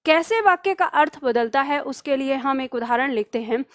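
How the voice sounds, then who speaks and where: Woman teacher, high pitch, patient exam-prep explainer, dry close recording. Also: expressive, no echo. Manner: dictates notes slowly, asks and answers her own questions. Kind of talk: exam-prep grammar lesson.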